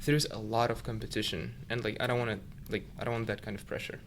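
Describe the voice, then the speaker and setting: In a casual interview chat, this podcast guest, a young student tutor from Uzbekistan and a native Russian speaker, talks quickly in a lowish voice. He sounds relaxed and uses "like" a lot as filler, and there's a little hiss or hum on the recording.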